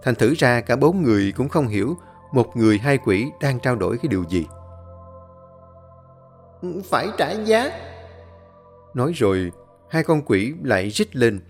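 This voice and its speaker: Man narrating a ghost story over soft music. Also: mid-range voice, expressive, a little fast.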